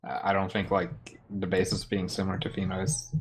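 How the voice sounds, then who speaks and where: A man leading a casual voice-chat discussion in a deadpan way, on a headset mic. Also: sits low, brisk, slight background noise, rough recording. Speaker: discussion leader.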